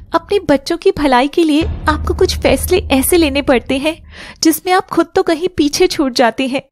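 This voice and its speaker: A woman narrates an emotional animated drama with earnest intensity, at times speaking straight to her viewers. Her voice is high and clear in pitch.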